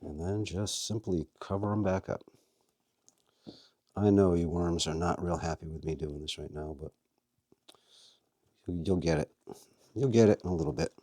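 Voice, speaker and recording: A man's voice: deep voice, normal speed, pauses often, warm tone, dry recording, clean studio sound. A man hosting a casual how-to video, chatting as he works and talking to his worms. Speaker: vlog host and worm farmer.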